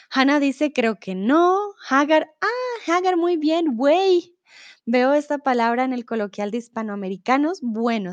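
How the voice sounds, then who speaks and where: Young woman teaching spanish to a live class, slightly high voice, patient, dry close sound. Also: no echo. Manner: patient, checks in with "¿vale?", switches to English and German. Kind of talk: live online Spanish class, reading chat. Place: in Mexico.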